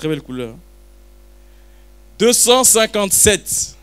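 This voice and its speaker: High-voiced joking male auctioneer. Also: very animated, slow, fairly bright tone, clear, resonant tone. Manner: teasing, repeats bids. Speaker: auctioneer at a book launch. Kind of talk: joking live auction patter.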